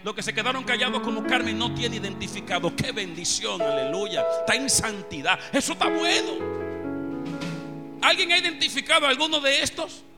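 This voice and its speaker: A man's voice: very high-pitched, lively intonation, fairly quick. A man, a pastor preaching a fervent sermon and calling on the congregation to repeat after him. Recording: music playing behind.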